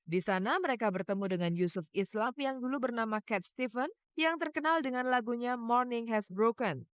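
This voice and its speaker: A woman narrating a TV feature in a measured, dramatic voice-over. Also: on the high side, lively intonation, smooth, no echo, clean studio sound. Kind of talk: scripted TV narration.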